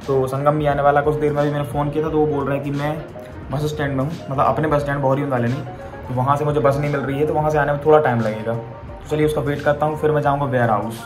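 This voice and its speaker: Holding his phone camera at arm's length, a young vlogger rambles casually to viewers in his daily video. He talks fast with a fairly high pitch and flat delivery, over music.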